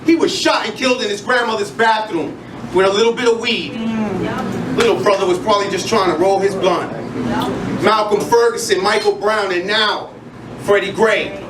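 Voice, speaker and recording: A man's voice: sits high, fairly even intonation, moderate pace. Man in a live slam poetry set, fierce and profane; roomy, noisy recording from across the room. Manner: angry, intense, profane. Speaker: spoken word poet. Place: live venue stage. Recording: echoey room, distant mic, noisy crowd.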